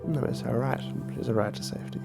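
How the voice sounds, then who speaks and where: A woman's voice: a bass voice, fast talker, creaky, over loud music. A woman in casual chat, asking questions with dry, teasing remarks. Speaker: conversation partner.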